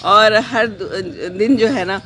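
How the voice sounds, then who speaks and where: Gentle, prayerful woman live-streaming in a garden. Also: mid-range voice, steady tone. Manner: gentle, reflective, unhurried with pauses and fillers; mixes English phrases into her talk. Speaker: vlogger hosting a live stream. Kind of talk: casual live-stream chat, reading viewer comments.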